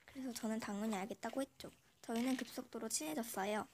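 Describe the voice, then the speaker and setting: A host reading a listener's story aloud in a radio-style show, voice altered by a voice changer, with steady, friendly reading. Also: medium pitch, quick pace, a little hiss or hum.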